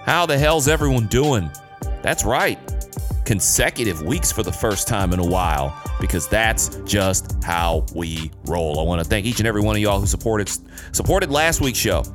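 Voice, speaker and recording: A man's voice: on the low side, expressive, moderate pace. A man from the United States hosting a solo podcast in a casual, slangy, emphatic way, repeating phrases for effect. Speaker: podcast host. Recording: music behind the voice. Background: music.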